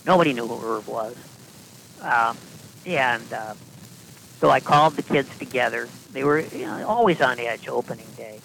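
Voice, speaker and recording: A man, a podcast guest, telling long anecdotes in a deadpan style with dry asides and frequent restarts. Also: mid-range voice, normal speed, vocal fry, a little hiss or hum, poor audio. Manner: deadpan, self-correcting storyteller with dry asides. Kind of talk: casual anecdotal storytelling.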